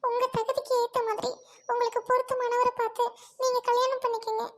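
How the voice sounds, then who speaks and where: A woman's voice: extremely high pitch, level tone, a little fast. A woman voicing a young woman doctor who pleads and insists, in an amateur audio drama. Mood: insistent.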